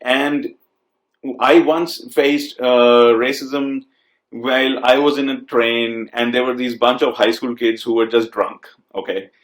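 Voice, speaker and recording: A man's voice: medium pitch, steady tone, measured pace, echoey room. A man from India hosting a conversation, thoughtful and hesitant, with many fillers and repeated words. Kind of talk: conversational interview.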